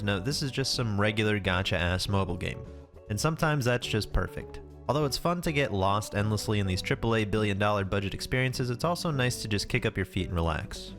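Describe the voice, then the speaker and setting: A man's voice: lowish voice, fairly bright tone. A man giving casual scripted commentary as a video host, informal and wry, with some casual swearing. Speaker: YouTube game preview host. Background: music behind the voice.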